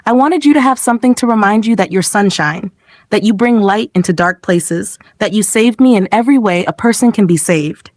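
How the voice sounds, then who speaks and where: Woman reading a gentle, earnest young man in love, dry close sound. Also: mid-range voice, fairly quick, no room sound, lightly acted. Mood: tender.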